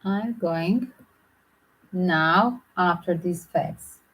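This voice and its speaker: Husky-voiced woman rambling to viewers. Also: on the low side, extremely slow, dull audio. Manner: rambling, frequent "like" fillers. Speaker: tarot reader. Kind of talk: casual speculative monologue to viewers.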